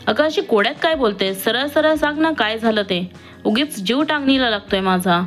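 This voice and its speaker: A modest young woman from a humble home who speaks softly and hesitates before she answers, as a woman reading the story puts her on. The voice is fairly high, and music plays faintly behind. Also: expressive, normal speed, lightly acted. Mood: hesitant. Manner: hesitant, soft-spoken. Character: shy modest young woman from a poor family.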